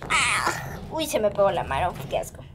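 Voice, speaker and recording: A woman vlogging at home with her pet rabbit, giggly, excitable and chatting with her viewers. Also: mid-range voice, moderate pace, very noisy. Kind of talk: casual home vlog.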